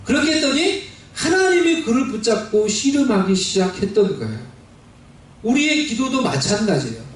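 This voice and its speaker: High-voiced pastor preaching in an echoey hall. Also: male voice, distant mic. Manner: preaching with call-and-response questions and dramatized quotes. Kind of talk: sermon. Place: church sanctuary.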